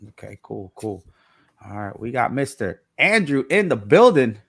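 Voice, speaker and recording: A man's voice: medium pitch, sing-song, normal speed, gravelly, breathy edge, no room sound, studio quality. A man hosting a casual live-stream chat, upbeat, greeting guests and reading comments over a video call. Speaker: host.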